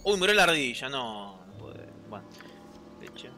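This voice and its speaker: A man with a Rioplatense Spanish accent giving chatty, excitable gameplay commentary, reading game lines aloud and answering chat. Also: medium pitch, a little slow, faint music behind. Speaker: gameplay streamer.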